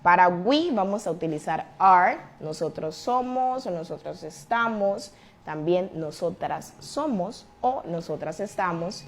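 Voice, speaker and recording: Woman teaching English grammar, patient and clear. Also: fairly low pitch, animated. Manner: slows down to spell out English examples. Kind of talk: explaining grammar to learners.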